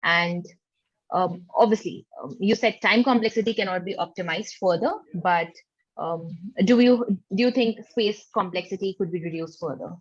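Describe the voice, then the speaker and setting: A woman interviewer speaks patiently and reassuringly in a formal but conversational way. Her voice is slightly breathy and rough, heard dry through dull online call audio. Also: fairly low pitch, moderate pace, no room sound. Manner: reassuring, patient, tentative phrasing. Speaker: technical interviewer. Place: online video call with screen sharing.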